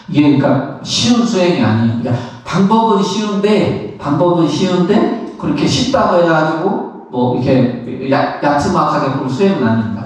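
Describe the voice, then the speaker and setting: A middle-aged man, a Buddhist monk, giving a lively spoken lesson on meditation, laughing often and acting out how he counts his breaths. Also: fairly high pitch. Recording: echoey room, somewhat far from the mic.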